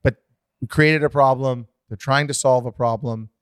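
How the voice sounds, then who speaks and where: A man co-hosting a casual podcast chat, explaining current events in an animated, swinging way. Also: medium pitch, moderate pace, smooth, no room sound, studio quality. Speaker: podcast co-host.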